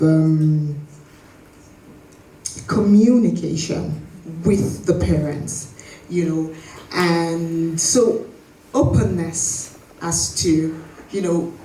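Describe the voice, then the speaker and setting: Low-voiced woman in an echoey hall. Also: warm tone. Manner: measured, frequent "you know" fillers. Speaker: panel speaker, former teacher. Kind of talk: panel discussion answer. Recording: echoey hall, distant mic, faint noise.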